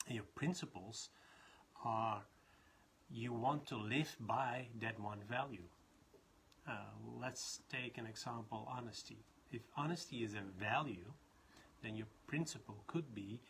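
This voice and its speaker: In a loose, rambling live talk full of restarts, a leadership trainer from the Netherlands speaks with a Dutch accent. His voice is mid-range and a bit bright, and there's a little hiss or hum.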